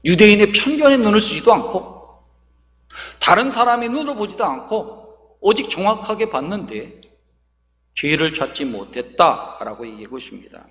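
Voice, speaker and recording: A male pastor delivers a sermon in a high, animated voice that rises and falls widely. He presses his points with rhetorical questions. The sound carries a long reverb from a church hall. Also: normal speed. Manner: emphatic preaching with rhetorical questions. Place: church sanctuary.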